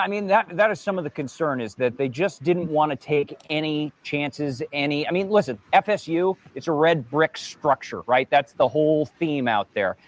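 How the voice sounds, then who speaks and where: A man working as a TV field reporter gives a live storm report in an emphatic, conversational way, often checking in with a rhetorical tag question. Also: fairly high pitch. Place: outdoors in wind and light rain.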